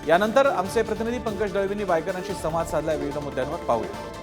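A man reading scripted news narration in a brisk, formal manner. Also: sits high, over loud music. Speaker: news anchor.

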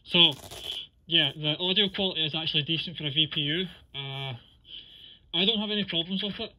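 A man giving an informal, rambling gear review, speaking through a gas mask with a small voice projection speaker. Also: on the high side. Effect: muffled gas mask voice amplified by a small speaker.

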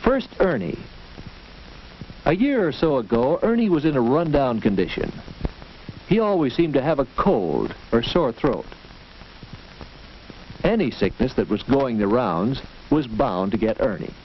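A faintly noisy, clicking and dull old film soundtrack carries an American man narrating like a 1940s school film. His delivery is scripted, instructive and measured, while his mid-range pitch moves up and down in a lively way through the story.

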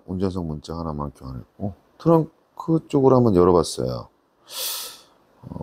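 A middle-aged man giving casual, unscripted used car salesman patter, repeating his selling points in a husky, gravelly voice. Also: low voice, dark tone. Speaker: used car dealer presenting a car.

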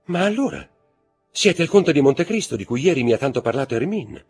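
A desperate noble lady, played by a man pleads in a high, shrill voice that leaps up in alarm. Her lines come breathless and eager in this audiobook reading, with a faint bed of music behind. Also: sing-song, fairly quick, a little mellow, slightly rough, full character voice. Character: frantic aristocratic lady, a young mother.

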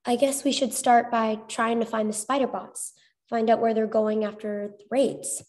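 A woman's voice: fairly high pitch, flat delivery, normal speed, darkish tone, close to an everyday voice. A woman voicing an earnest, level-headed young female hero in a storybook reading. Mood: thoughtful.

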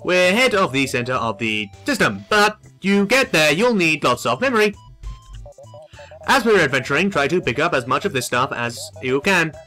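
A man's voice: a little high, big pitch swings, moderate pace, sharp tone, faint music behind. A man doing a stiff robot guide. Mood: formal. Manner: stiff, formal, explaining. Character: robotic male guide companion.

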